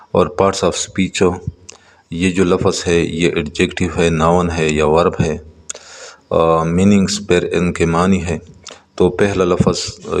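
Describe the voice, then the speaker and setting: A man teaching a textbook lesson, reading English lines slowly and then explaining them, with frequent hesitant pauses. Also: deep voice, big-room sound.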